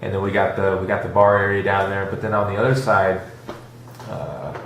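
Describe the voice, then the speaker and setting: A man's voice: low voice, level tone, a little fast, fairly bright tone. A man chatting casually with his wife at home on camera, laid-back and joking, trailing off his sentences. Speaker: husband in couple vlog. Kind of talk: casual chat. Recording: echoey room with faint noise.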